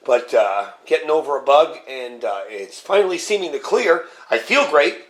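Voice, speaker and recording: This channel host, a man, speaks with a fairly high pitch at a moderate pace, his voice slightly scratchy as he gets over a cold. He's running a casual cooking vlog, walking through each step in a relaxed way while he handles his gear.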